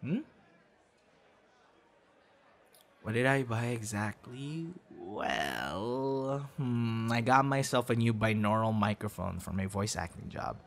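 A young man plays a teasing, friendly boyfriend in an intimate, casual ASMR roleplay, speaking one side of the dialogue. His mid-range voice is animated and creaky, and his pace is a little slow.

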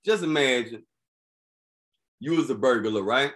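A man's voice: mid-range voice, measured pace. A man hosting a podcast, riffing on news stories in a casual, comedic, slangy way and constantly checking in with the listener. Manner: animated, slangy, keeps asking "you feel me". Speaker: podcast host.

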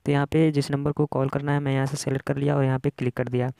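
A man's voice: mid-range voice, flat delivery, racing, creaky, dark tone, clean tone, no echo. A man with an Indian accent hosting a casual app tutorial, explaining things step by step in a repetitive way. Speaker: tech tutorial host.

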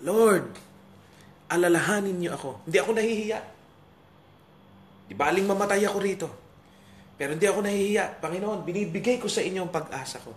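Preacher plays condemned criminal, fervent and pleading, slightly high, echoey room. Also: male voice, quick pace, a little hiss or hum, close to an everyday voice. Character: dying criminal boldly confessing faith, man. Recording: roomy hall with faint ambience.

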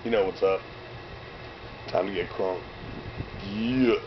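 Speaking slowly in a deep, hoarse voice, a vlogger in his thirties rambles through slang-heavy shout-outs and drinks between lines. He's outdoors by bare trees and fields on a cold, sunny day. A camera a few meters away picks him up with dull lo-fi audio and outdoor noise.

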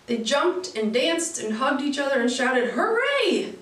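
A woman reads a children's Bible story aloud in a slightly high voice, acting it out as she goes. The camera mic picks her up from across an echoey living room. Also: measured pace. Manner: expressive storytelling. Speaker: story reader. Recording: roomy sound from a distant camera mic.

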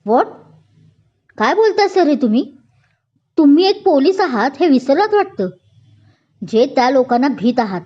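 A woman voicing a hot-tempered young policewoman who shouts in indignant outbursts, in a dull lo-fi recording. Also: high-pitched, big pitch swings, unhurried, pauses often, pitched above the performer's own voice. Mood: angry. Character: fiery young policewoman, quick to anger.

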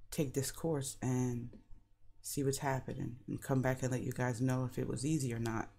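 A man at a middle pitch talks to his viewers in a casual vlog, sounding groggy and woozy. His delivery is a flat monotone that barely rises or falls, drifting and trailing off between thoughts. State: groggy and slow, woozy from medication. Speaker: YouTube channel host.

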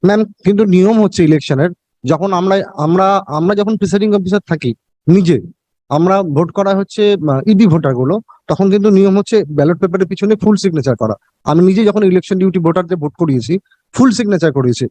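A man with a Bengali Indian accent answering in court as an election officer, deferential and defensive, with halting repeated words. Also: sits high, mellow, dry recording. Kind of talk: answering questions in a court hearing.

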